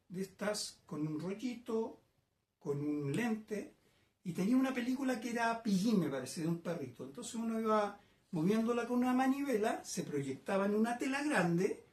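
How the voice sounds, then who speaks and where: A man in his sixties with a Chilean accent, a painter recalling his childhood in a reflective, hesitant way, often pausing and adding tag questions. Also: high voice, a little mellow, roomy sound. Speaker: painter being interviewed. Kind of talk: casual reminiscing interview. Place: his home painting workshop.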